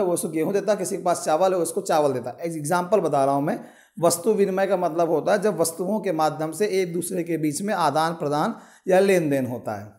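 A male teacher with a high-pitched, darkish voice walks his students through an exam syllabus. He poses questions and answers them himself, repeatedly reminding everyone what to underline.

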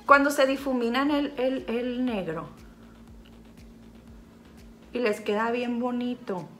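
A woman's voice: a little high, takes it slowly, a bit bright. A woman from Sinaloa, Mexico, with a Sinaloan Mexican accent, chatting playfully through a makeup tutorial, teasing and joking about herself as she goes. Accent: Mexican Spanish (Sinaloa). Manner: playful, teasing, self-mocking, talks to an off-camera helper. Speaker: vlogger. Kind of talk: casual makeup tutorial chat.

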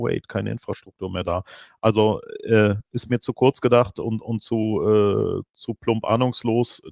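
A middle-aged man on a headset, answering questions at an online conference, animated but full of hesitations and restarts. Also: lowish voice, vocal fry, no room sound, clean studio sound. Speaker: keynote speaker. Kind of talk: conference Q&A over video call.

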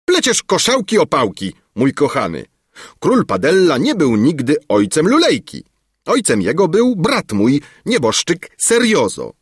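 A man's voice: mid-range voice, huge pitch swings, unhurried, a bit bright, husky, no room sound, studio quality, pitched above the performer's own voice, exaggerated voice. A man voicing an impatient, greedy old king in a storybook reading, fussy and bossy. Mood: scoffing.

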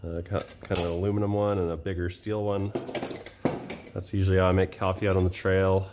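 A man in his thirties casually walking through his camping kitchen gear at home, chatty and relaxed with frequent fillers. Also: deep voice, brisk, noisy background. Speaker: vlogger showing camping gear. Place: cluttered home storage room and kitchen, indoors.

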